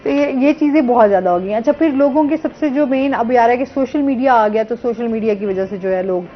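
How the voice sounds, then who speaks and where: A woman's voice: fairly high pitch, fast talker, a little hiss or hum. A woman talk-show host with a Pakistani Urdu accent, chatting and agreeing often with her guest. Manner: chatty, frequent agreeing murmurs. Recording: slightly dull broadcast audio with faint music.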